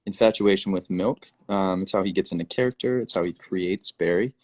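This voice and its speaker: A man's voice: sits low, fairly quick, a little mellow. A young man hosting a casual livestream from home on his phone, joking loosely and playfully. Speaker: livestream host. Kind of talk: casual chat.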